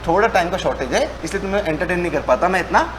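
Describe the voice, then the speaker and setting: A man's voice: high-pitched, animated, rapid-fire, noisy background. A young man teaching a tax revision lecture. He explains in a chatty way and acts out both his own lines and his students' questions. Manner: playful teasing of students. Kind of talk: online exam revision lecture.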